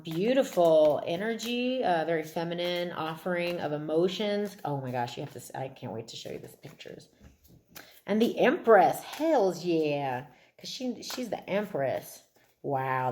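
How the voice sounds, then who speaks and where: A woman's voice: low voice, lively intonation, normal speed, a little mellow, a little hiss or hum. A woman giving a casual, intimate tarot reading to viewers in an informal, effusive way, with mild swearing. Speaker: tarot card reader.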